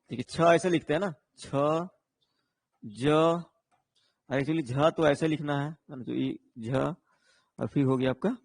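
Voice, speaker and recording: A man's voice: on the high side, breathy edge, no room sound. A man teaching an online exam-prep lesson, explaining patiently and often checking in with his viewers. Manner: explains patiently, tags lines with "है ना", answers viewers' comments.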